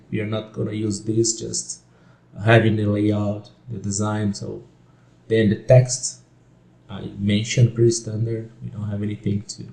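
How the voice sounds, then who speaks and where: In this screen-share design lesson, a man with a native Portuguese background speaks at a leisurely pace in a low, dark, rough voice. He reasons out loud casually, using fillers and revising what he says, and the recording has a noticeable room echo.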